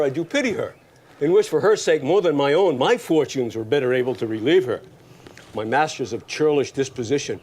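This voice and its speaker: A humble, kindly old shepherd, played by a man in a hammy, theatrical stage Shakespeare style. The voice sits fairly high, recorded live with slight noise behind it. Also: darkish tone, lightly acted.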